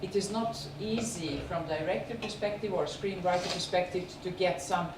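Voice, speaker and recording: Her voice is on the low side as she hosts a film festival with a Serbian accent, haltingly finding her words in an unscripted introduction and interview with guests about the films. The recording, taken far from the mic, is noisy and echoes around the screening venue.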